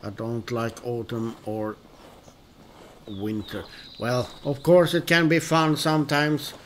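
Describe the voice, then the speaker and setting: A man with a Swedish accent talks unhurriedly through his gameplay. He has an average-pitched voice and pauses often, restarting his sentences as he thinks aloud. A faint ambient hiss sits under him. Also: steady tone. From northern Sweden. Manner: hesitant and musing, many pauses and restarts. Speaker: gaming video host. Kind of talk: relaxed let's-play commentary.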